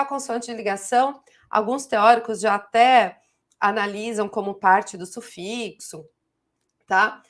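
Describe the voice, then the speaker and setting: A woman with a Brazilian Portuguese accent teaching an online grammar lesson, explaining word parts step by step and checking in often with the students. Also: a little high.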